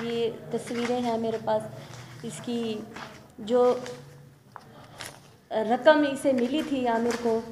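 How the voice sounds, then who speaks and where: A woman's voice: high voice, darkish tone, echoey room, slight background noise. A middle-aged woman making an insistent, accusing public statement as a mother, with hesitant fillers. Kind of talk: emotional video statement.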